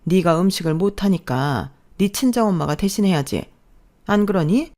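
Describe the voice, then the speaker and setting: A woman's voice: on the low side, lively intonation, normal speed, darkish tone, close to an everyday voice. A woman voicing an overbearing middle-aged mother-in-law who talks in a demanding, sneering way. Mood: bossy sneering.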